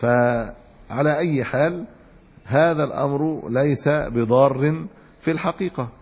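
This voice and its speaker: A man's voice: medium pitch, a little mellow, husky. A man giving a religious lesson. He reads chains of narrators, then explains them in plain words with some restarts. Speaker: sheikh teaching hadith. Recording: dull lo-fi recording with long hall reverb.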